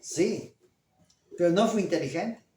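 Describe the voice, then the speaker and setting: A pastor preaching a sermon at a deliberate pace and pausing to put questions to the congregation. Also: mid-range voice, expressive, warm tone. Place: church. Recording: echoey church room, voice from a distance.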